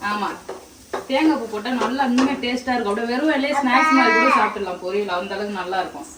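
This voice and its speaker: A woman's voice: a little high, fast talker, reverberant, heavy background noise. A woman, chatting to viewers as she walks through her home cooking, calling them friends. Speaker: cooking vlogger. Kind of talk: casual cooking walkthrough. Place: home kitchen.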